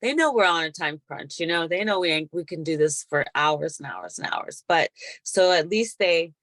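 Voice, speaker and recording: A woman practitioner chatting casually about a spiritual session, laughing often and animated when retelling things. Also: low-pitched, moderate pace, dry recording. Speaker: hypnotic regression practitioner.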